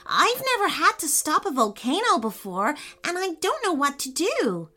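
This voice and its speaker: A woman's voice: very high voice, huge pitch swings, moderate pace, pushed and bright, voice pushed up, heavily acted. A woman voicing a cautious, earnest young boy in a children's storybook. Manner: earnest, unsure. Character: young boy, thoughtful and cautious older brother.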